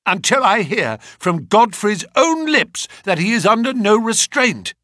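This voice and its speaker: A man's voice: sits high, very animated, a little slow, pushed and bright, dry recording, clean studio sound, pitched above the performer's own voice, exaggerated voice. A man reading aloud, voicing a determined young man who speaks firmly and earnestly. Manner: firm and earnest.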